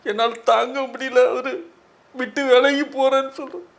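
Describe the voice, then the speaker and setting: A man's voice: very high-pitched, flat delivery, moderate pace, creaky, a bit bright. A man with a Tamil accent, a film director in an interview, talking through tears and pleading. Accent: Tamil Nadu. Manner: tearful and pleading, voice breaking while talking. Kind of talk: emotional interview answers.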